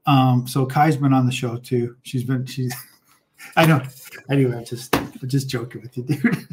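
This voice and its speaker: A man's voice: mid-range voice, steady tone, normal speed, background noise. A man hosting an interview show, chatting enthusiastically and casually, with lots of fillers and restarts. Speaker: podcast host.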